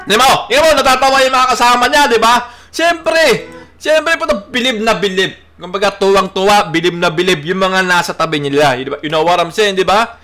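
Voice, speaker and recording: A man's voice: high voice, fairly quick, bright, forceful tone, faint music behind. A man hosting a reaction video, talking casually with frequent laughs, swearing and filler tags. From Philippines.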